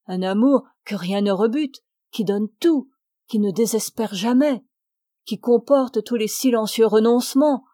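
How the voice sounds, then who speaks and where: A fervent, devout young man declares a sacred, lifelong love, voiced by a woman narrating. The delivery is slow and unhurried, the tone dark and warm. Each word is weighed with solemn conviction. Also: a little high, no echo, clean studio sound, natural voice.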